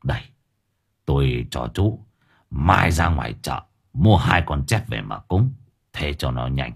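A man voicing an old village elder who talks low and gruff, scolding like a father. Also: sing-song, measured pace, full character voice. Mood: grumbling advice. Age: older.

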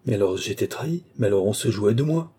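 A man's voice: fairly low pitch, lively intonation, fast talker, mellow, slightly rough, full character voice. A man doing a sour, bitter old philosopher. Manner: sour, acrimonious. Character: bitter, suspicious aging philosopher.

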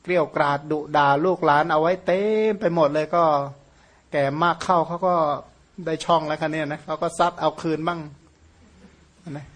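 A Buddhist monk from northeastern Thailand, a native Khmer speaker, giving a casual, conversational Dhamma talk with gentle chuckles. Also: male voice, fairly high pitch, flat delivery, moderate pace. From Surin, northeastern Thailand.

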